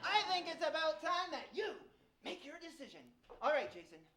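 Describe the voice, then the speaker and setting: A woman playing a sardonic, showy dating game show host in a comedy sketch, with teasing, drawn-out announcing. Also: sits high, sing-song, bright, forceful tone, heavily acted.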